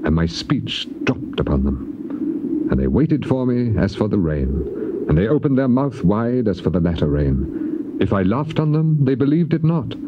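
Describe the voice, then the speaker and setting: An actor playing Job, a solemn, grieving old patriarch, declaiming scripture in measured, theatrical phrases. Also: male voice, mid-range voice. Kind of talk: dramatized scripture reading, theatrical classical acting. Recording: dull, very noisy old cassette tape.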